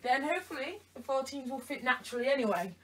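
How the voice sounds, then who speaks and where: Quick and animated, a tired woman with a high, slightly bright voice playfully teases someone off camera in her bedroom try-on vlog. The camera is across the room, making her voice distant, and there's a little hiss or hum.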